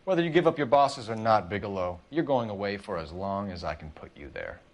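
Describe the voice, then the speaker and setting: A man's voice: on the low side, animated, a little fast. An American man acting a stern, threatening 1940s police detective in a crime game, terse as an interrogator. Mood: menacing.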